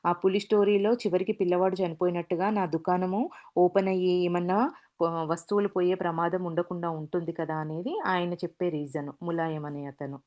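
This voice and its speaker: A woman's voice: lowish voice, steady tone, a little fast, darkish tone. A woman casually retelling anecdotes as a storyteller, with frequent restarts and fillers.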